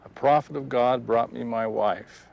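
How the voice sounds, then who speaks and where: A man's voice: medium pitch, measured pace, vocal fry, dull audio. A man giving an earnest personal faith testimony outdoors at a historic site, acting out the dialogue as he tells it. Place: outdoors on a ridge.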